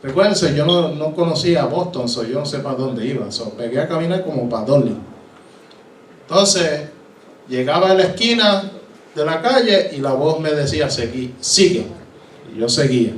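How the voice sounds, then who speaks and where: An expressive, higher-pitched man from Puerto Rico speaks at normal speed, giving his sermon testimony as a pastor. With a Puerto Rican Spanish accent, he dramatizes voices and moves into English now and then. The distant mic captures an echoey church hall plus a little hiss or hum.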